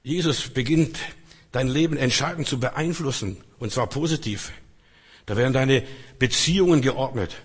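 A man's voice: mid-range voice, moderate pace, husky. A man preaching a sermon in church, speaking straight to the congregation with rhetorical questions. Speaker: pastor.

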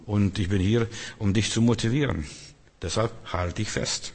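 A man preaching a sermon in an earnest way, acting out quotes and dropping to soft tones. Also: lowish voice, normal speed, slightly rough. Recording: long reverb in a large hall.

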